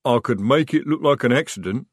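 Brief: big slow troll recruit, rumbling and blunt, a man's read. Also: expressive, no room sound, clean studio sound, close to an everyday voice. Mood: menacing. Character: huge slow male troll soldier, rumbling.

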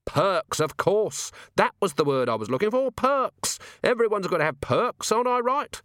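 A man's voice: medium pitch, lively intonation, moderate pace, no echo, close to an everyday voice. A man doing a shrewd, dry watch commander. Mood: probing. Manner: dry, gently coaxing questions. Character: shrewd, gently probing male watch commander.

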